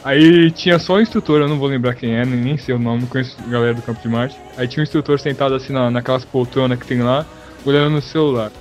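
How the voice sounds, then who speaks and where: A man telling a story in casual chat, lively and slangy, laughing along as he goes. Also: medium pitch, quick pace, soft background music. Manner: lively, slangy, laughs through his stories. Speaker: podcast guest, student pilot.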